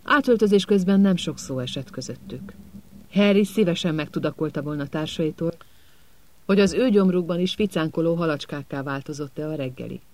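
Calm male audiobook narrator. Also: a little high. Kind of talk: scripted storybook narration.

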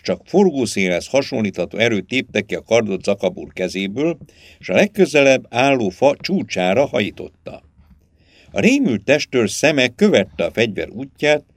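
A man narrating an audiobook with expressive, dramatic delivery. His voice is fairly low and moves lively up and down. The close mic gives a dry, intimate sound. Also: no echo.

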